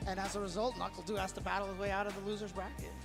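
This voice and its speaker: A woman's voice: medium pitch, flat delivery, rapid-fire. A woman co-commentating a fighting game tournament, upbeat and chatty with plenty of fillers. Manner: enthusiastic, leans on fillers like you know. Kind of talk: esports commentary. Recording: stream audio with clear music behind.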